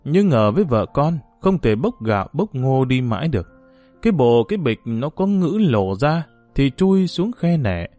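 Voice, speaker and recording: A man narrating a novel as an audiobook in an expressive storytelling manner. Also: mid-range voice, normal speed, no room sound, faint music behind.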